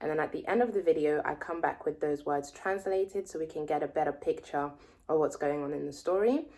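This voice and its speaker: A French-speaking woman in her twenties vlogs about learning a language, reading a text aloud slowly while thinking out loud and guessing at unfamiliar words. Her voice sits low and mellow as she reads and explains the passage.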